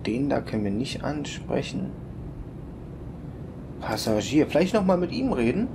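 Male let's player, unhurried and musing, rumble from the game behind. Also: very animated. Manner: musing, chuckling, thinks aloud. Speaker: let's play commentator. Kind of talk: casual gameplay commentary.

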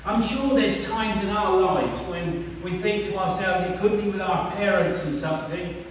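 A man's voice: high-pitched, moderate pace, slight background noise. A man, preaching a conversational sermon and asking the congregation questions. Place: church hall. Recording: echoey church from far off.

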